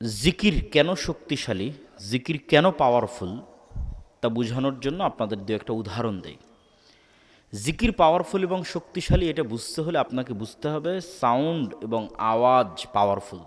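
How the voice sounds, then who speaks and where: Male preacher, mid-pitched, rhetorical questions to the crowd, long reverb from a sermon gathering. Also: animated, normal speed. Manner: asks the crowd rhetorical questions and repeats key words emphatically. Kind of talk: Islamic sermon to a live audience.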